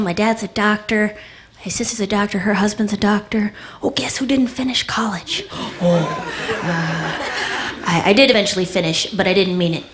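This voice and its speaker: A woman's voice: mid-range voice, noisy background. A young woman comedian doing stand-up, chatty and self-deprecating.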